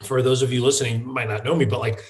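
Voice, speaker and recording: A man, the founder of a wine shop, telling a personal story in an interview, halting and restarting with many fillers. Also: medium pitch, fairly even intonation. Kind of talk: conversational storytelling.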